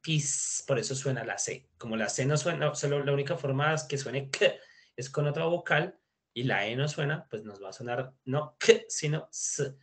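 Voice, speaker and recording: A man's voice: medium pitch, normal speed, fairly bright tone. A man teaching an online English class, chatty and mixing English phrases into his explanations. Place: video call.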